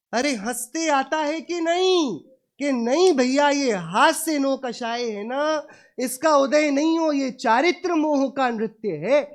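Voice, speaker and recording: Slow, questioning male preacher. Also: extremely high pitch. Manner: questioning the audience, calling them brother; rhetorical, slow and emphatic. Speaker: Jain preacher. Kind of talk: afternoon sermon.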